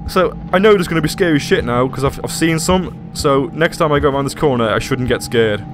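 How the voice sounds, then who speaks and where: A man's voice: mid-range voice, brisk, over music. A frightened man commenting on a horror game as he plays, jittery, swearing and talking to himself. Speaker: let's play gamer.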